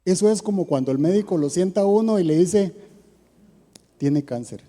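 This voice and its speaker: A man's voice: high voice, lively intonation, moderate pace, mellow. A man preaching a sermon in a conversational way, asking his listeners questions, with a Costa Rican accent. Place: church. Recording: long church reverb.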